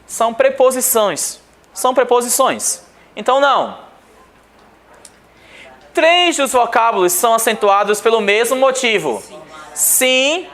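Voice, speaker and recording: A man from Brazil teaching a Portuguese exam review class. He asks the class questions and answers them himself, and reads passages slowly. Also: very high-pitched, animated, a bit bright.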